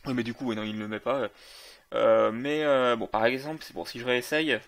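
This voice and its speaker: A man's voice: medium pitch, steady tone, brisk, fairly bright tone. A man casually commenting on a video game while playing, with many fillers and self-corrections. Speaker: gaming video creator.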